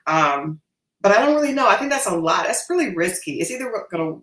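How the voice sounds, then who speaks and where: A woman's voice: mid-range voice, sing-song, fairly quick, fairly bright tone. A woman hosting a gossip show, giving casual commentary in a reflective, conversational way. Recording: echoey, reverberant room sound.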